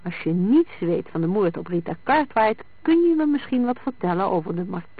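A reader doing a calm, probing detective. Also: mid-range voice, fairly quick, slightly rough, no room sound. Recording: dry, tinny lo-fi sound.

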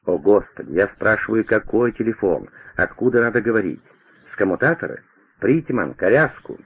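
An aging president, urgent and commanding, firing off insistent questions, as a man reading the story voices him. The voice is low and husky, squeezed through a narrow radio band. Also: lively intonation, moderate pace, dry recording. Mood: agitated. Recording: tinny radio broadcast.

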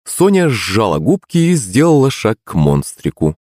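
Brief: male narrator, low, animated, dry recording. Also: moderate pace, dry recording. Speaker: audiobook narrator. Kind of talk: first-person audiobook narration.

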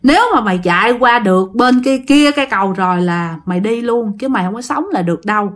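A woman voicing an old great-grandmother who explains things in a quiet, matter-of-fact way. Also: mid-range voice, fast talker, close to an everyday voice. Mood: hushed solemn.

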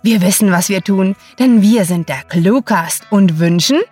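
Slow, wry woman with soft music behind. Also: mid-range voice, slightly rough. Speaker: podcast host. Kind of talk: scripted podcast intro.

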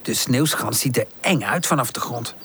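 A woman narrating a children's storybook in a calm, gentle reading voice. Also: very deep voice, normal speed, a little hiss or hum. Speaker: audiobook narrator.

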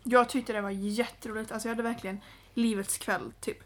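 A woman's voice: fairly high pitch, little pitch movement. A young woman co-hosting a podcast, chatting casually in an upbeat, talkative way. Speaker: podcast co-host. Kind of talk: casual chat.

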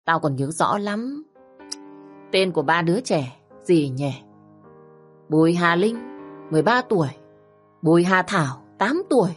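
A coarse, taunting male kidnapper from an audio storybook, as a woman reads him. He sneers and threatens bluntly, in a low voice. Faint music plays behind. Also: animated, a little slow, pauses often.

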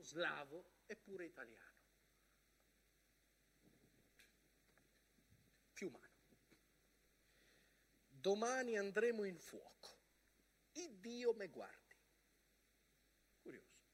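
Reflective in mood, an actor takes the part of a soldier narrating the First World War, reading letters from the front in forceful, fragmented phrases. His male voice is fairly high, with a breathy edge.

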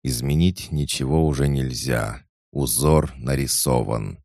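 A stern, cold older mentor gives strict, measured orders in an audiobook, read by a man. The voice is extremely deep and slow, with a gravelly rasp. It sounds dry and close. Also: darkish tone, no echo. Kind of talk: audiobook character voice.

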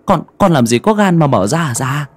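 A man's voice: a little high, expressive, normal speed, husky, no echo, voice pushed up. A man voicing an anxious, humble young village man, in a storytelling reading. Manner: anxious, defensive.

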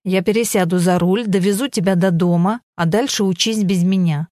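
Woman doing an exasperated yelling driving instructor. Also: medium pitch, moderate pace, dry recording, clean studio sound, lightly acted. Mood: exasperated shouting. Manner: shouting, swearing, impatient. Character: gruff man teaching driving, yelling.

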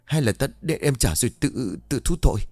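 A man's voice: mid-range voice, big pitch swings, fairly quick, a little mellow, slightly rough, no echo. A man doing a frightened young man in an audiobook, stammering and pleading, his voice rising and falling a lot. The sound is close and dry. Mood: panicked. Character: young man, guilty and panicking.

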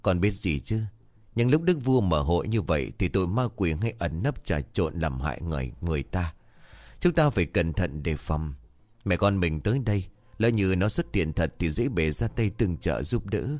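A man's voice: low voice, animated, moderate pace, darkish tone, no echo. A man voicing a stern middle-aged mother who practices magic and scolds her daughter. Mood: scolding.

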